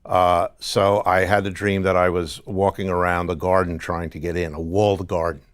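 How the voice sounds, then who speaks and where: A middle-aged man interviewed as a guest, telling his story in a halting conversational way with many restarts. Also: deep voice, flat delivery, no echo, clean studio sound. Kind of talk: conversational testimony.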